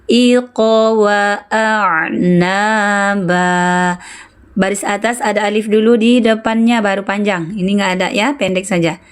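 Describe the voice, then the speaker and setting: A woman's voice: mid-range voice, fairly even intonation, brisk. A woman teaching Quran recitation in an online lesson, patiently correcting students and repeating syllables to model how they should sound.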